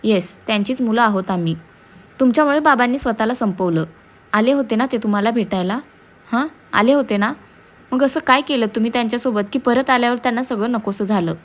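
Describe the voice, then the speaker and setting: Woman voicing a vengeful young woman in a storybook, taunting and cruel, fairly high voice, mocking drawl. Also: brisk, natural voice. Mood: angry. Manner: taunting, sing-song mockery mixed with English.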